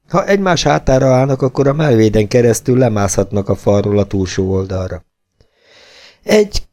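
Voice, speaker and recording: Give me a man with a warm, mellow voice narrating an audiobook at a measured pace. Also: on the low side. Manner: steady, measured reading.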